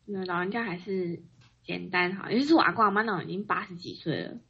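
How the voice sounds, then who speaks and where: A woman co-hosting a casual chat, telling her stories animatedly and mimicking others in a high voice. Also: fast, vocal fry, slightly rough. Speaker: podcast co-host. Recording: dull lo-fi sound.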